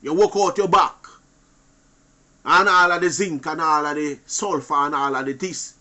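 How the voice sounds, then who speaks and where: Bright-voiced man preaching. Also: moderate pace. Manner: animated, preachy, swings between loud and low. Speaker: channel host. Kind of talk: street-preaching monologue to men.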